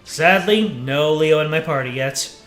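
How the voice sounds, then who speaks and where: A man streaming a game gives let's play commentary, chatting in a rambling, casual, filler-heavy way between story lines. His voice is a little high and a bit bright, at a measured pace, recorded in an echoey room with faint music.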